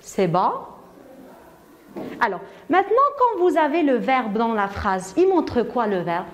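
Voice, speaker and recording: A woman's voice: a little high, sing-song, measured pace, slight background noise. A woman from Morocco with a Moroccan accent, teaching a primary grammar lesson, asking pupils questions and praising their answers.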